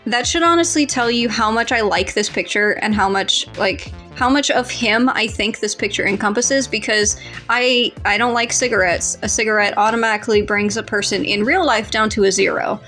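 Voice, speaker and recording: A woman's voice: medium pitch, moderate pace, bright, forceful tone, soft background music. A young woman co-hosting a casual podcast chat, giggly and often laughing through her words. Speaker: co-host ranking her fictional crushes.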